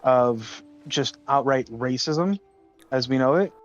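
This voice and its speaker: A man with a mid-range voice chats casually and slowly, probing and often repeating his questions. The lo-fi mic sounds slightly dull, with music playing behind him.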